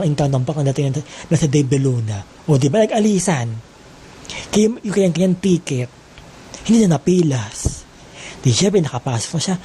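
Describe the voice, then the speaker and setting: A man's voice: on the high side, warm tone, slight background noise, poor audio. A man telling a teasing, exaggerated gossip story in a casual, mocking way.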